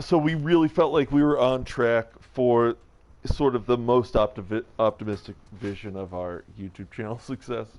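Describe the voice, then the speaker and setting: A man's voice: mid-range voice, darkish tone. A man streaming a video game, rambling and joking about whatever comes to mind with self-mocking asides. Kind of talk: casual let's-play commentary.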